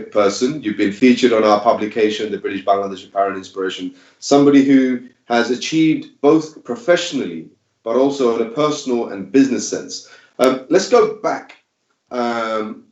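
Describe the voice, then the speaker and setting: A man's voice: mid-range voice, darkish tone. A man hosting an interview who phrases his questions loosely, searching for words with fillers. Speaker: host. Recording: echoey room, dull sound.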